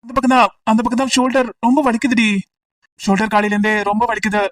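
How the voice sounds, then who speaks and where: A woman's voice: a little high, steady tone, quick pace, far from the mic, natural voice, poor audio. A woman voicing a teasing, persistent young male college student in an amateur audio drama, talking in a playful, coaxing way.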